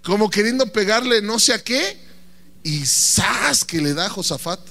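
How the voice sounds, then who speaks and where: Preacher dude, high bright voice, jokey and theatrical, keeps asking the crowd stuff. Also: male voice, animated, unhurried. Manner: playful, theatrical, asks the congregation questions. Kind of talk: lively sermon.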